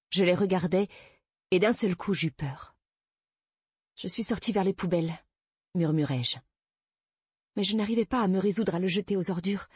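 A woman's voice: mid-range voice, a little mellow, slightly rough, no echo. A woman reading a first-person audiobook, tense and defensive in the dialogue passages. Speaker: audiobook narrator.

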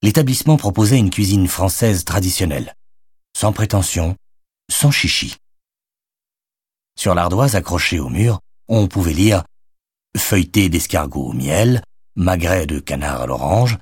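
A male audiobook narrator with a low, husky voice. His reading moves up and down expressively, recorded close and dry with no room sound. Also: expressive, unhurried, no room sound. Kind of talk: scripted narration.

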